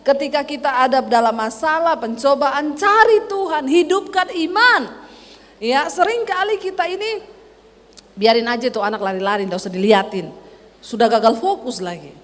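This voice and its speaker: A woman from Sulawesi preaching a sermon as pastor, telling animated stories from her own marriage. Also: fairly high pitch, moderate pace. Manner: animated storytelling, acts out quarrels with her husband. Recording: long hall reverb.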